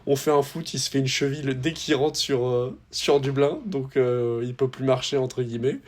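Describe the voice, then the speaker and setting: A man's voice: medium pitch, level tone, moderate pace, a little mellow. A young man from France telling a rambling, slangy story to his viewers, with lots of fillers and restarts. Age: young adult. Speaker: tennis YouTuber.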